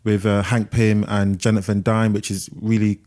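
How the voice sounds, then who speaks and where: A British man co-hosting a casual film podcast, with soft rounded R sounds and a rambling, self-deprecating manner, often searching for words. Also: lowish voice, flat delivery, moderate pace. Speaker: podcast co-host.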